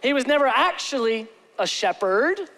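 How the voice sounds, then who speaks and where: A man in his forties, preaching as pastor on a large church stage, has a very high-pitched, expressive voice that's creaky yet fairly bright. He jokes with the congregation, often asks "okay?", and draws out key words.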